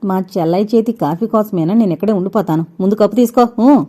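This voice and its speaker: A woman's voice: mid-range voice, fast, dark tone, close to an everyday voice. A woman voicing a protective young man who scolds his friend in a storybook reading. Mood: scolding. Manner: scolding, blustering.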